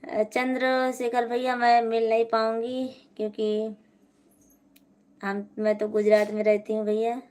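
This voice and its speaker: A woman's voice: a little high, level tone, measured pace, pauses often, darkish tone, clear, resonant tone. A woman hosting a casual live stream from home, chatting and answering viewers' comments one by one.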